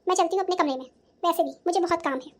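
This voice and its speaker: A defiant young daughter-in-law in a cartoon who talks back and complains about her in-laws, voiced by a woman. Her voice is high. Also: racing. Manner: defensive, answering back. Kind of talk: cartoon voice acting.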